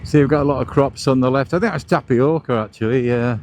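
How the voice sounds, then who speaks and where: A fast-talking motorcycle vlogger offers casual tour-guide commentary while riding outdoors on the roads, surrounded by wind and vehicle noise. His mid-range voice is a little mellow.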